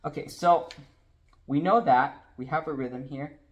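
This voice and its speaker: A man's voice: a little high, measured pace, husky, highs cut off. A man teaching drumline sheet music, explaining patiently and counting and singing the rhythms aloud. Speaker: drumline instructor.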